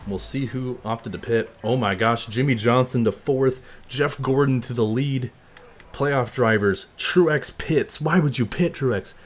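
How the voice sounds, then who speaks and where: Excitable young man calling a race. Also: mid-range voice, unhurried. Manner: excitable play-by-play, announcer-like. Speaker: gaming streamer. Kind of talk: live racing game commentary.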